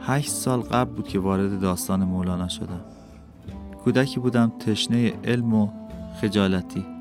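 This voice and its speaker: Calm male audiobook narrator. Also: fairly low pitch. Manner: calm, measured storytelling. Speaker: audiobook reader. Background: faint music.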